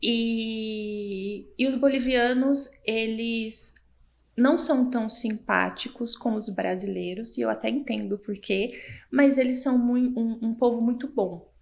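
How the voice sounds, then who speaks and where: Woman, guest doctor, fairly high voice, chatty animated storyteller. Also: measured pace, gravelly. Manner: animated storyteller, acts out quotes, frequent tag questions. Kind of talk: casual interview storytelling.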